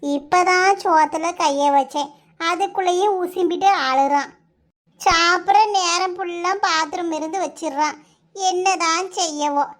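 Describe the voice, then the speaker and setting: Woman doing a tired whiny young cartoon mom, kanyakumari accent, very high voice. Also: unhurried, a bit bright. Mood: grumbling. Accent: Kanyakumari Tamil. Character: tired young village mother, grumbling.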